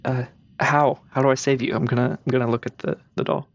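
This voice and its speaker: A man's voice: mid-range voice, flat delivery, a little fast, lo-fi sound. A man playing a comedic tabletop game, cautious and curious, asking the game master one question after another. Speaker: player.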